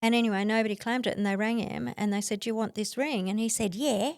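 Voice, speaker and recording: A middle-aged Australian woman telling her story as a podcast guest, animated, laughing often and acting out what others said. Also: on the high side, fast, no echo, clean studio sound. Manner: animated, acts out quoted voices, laughs often. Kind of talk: conversational storytelling.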